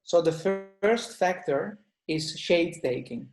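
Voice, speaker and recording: A man's voice: high voice, animated, takes it slowly, soft background music. A man who grew up in the Netherlands, a dental technician giving a webinar lecture in a plain manner and often restarting words. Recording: roomy echo.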